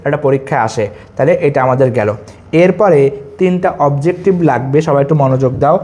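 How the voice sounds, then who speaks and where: A man's voice: medium pitch, fast talker, a little mellow. A young man teaching a live online chemistry lesson, drilling facts over and over and reading out the names of students who comment. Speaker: chemistry tutor.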